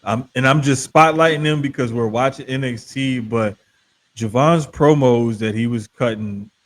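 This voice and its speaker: Middle-aged man, podcast host, casual slangy chat, animated and emphatic delivery, mid-pitched voice. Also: moderate pace, slight background noise.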